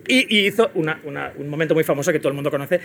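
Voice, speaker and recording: A man's voice: fairly high pitch, racing, vocal fry, a bit bright. A man co-hosting a casual comedy chat, telling stories in a sarcastic, profane, exaggerated way. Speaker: podcast co-host.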